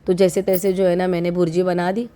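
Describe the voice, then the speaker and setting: A woman in her thirties, unwell, chatting warmly and from the heart to her viewers in a casual home vlog. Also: fairly low pitch, little pitch movement, fairly quick. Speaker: vlogger.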